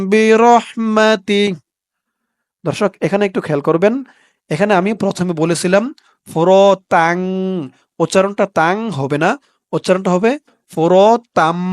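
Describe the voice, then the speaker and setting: A man teaching Quran reading, spelling out letters and vowel marks and then chanting the verse slowly. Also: high-pitched, no echo, studio quality. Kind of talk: spelling-out recitation lesson.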